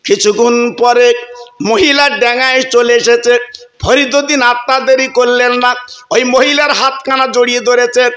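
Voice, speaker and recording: A man's voice: very high-pitched, fairly even intonation, measured pace, bright, forceful tone. A male preacher with a Bengali accent, telling a saint's story in a sing-song sermon style.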